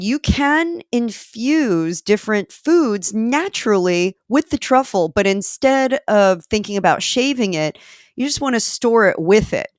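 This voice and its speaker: A woman's voice: lowish voice, dry recording. Chatty woman podcast host, dry close sound. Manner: chatty, self-deprecating asides with fillers. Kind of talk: solo podcast monologue.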